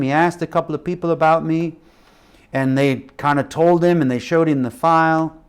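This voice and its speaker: Animated middle-aged male preacher. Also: a little high, clear, resonant tone. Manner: animated storytelling with acted quotes and shifting loudness. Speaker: missionary preacher. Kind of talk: sermon storytelling.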